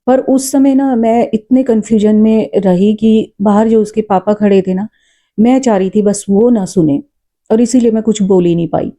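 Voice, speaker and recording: A woman tells a personal story in an earnest, reflective way, often pausing with fillers. Her voice is very dark and mellow. Her pitch sits in a middle range. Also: steady tone. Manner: says she talks loud and forcefully. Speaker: storyteller vlogger; mother. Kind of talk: casual spoken storytelling.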